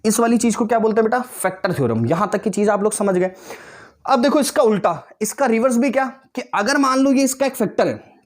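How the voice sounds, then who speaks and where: A man's voice: high-pitched, expressive, a little fast. A man in his twenties teaching a maths lesson in an online class. He coaxes his pupils, keeps checking that they understand, and slips in joking asides. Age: 20s. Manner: coaxing, keeps asking students if they understood; calls pupils "beta" and "bhaiya", joking asides.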